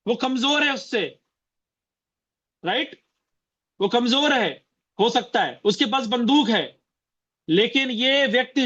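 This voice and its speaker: Male motivational trainer, very high bright voice, punchy repetition and rhetorical questions, dull lo-fi sound. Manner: repeats phrases and fires rhetorical questions at the audience. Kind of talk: motivational seminar talk. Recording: dull lo-fi recording.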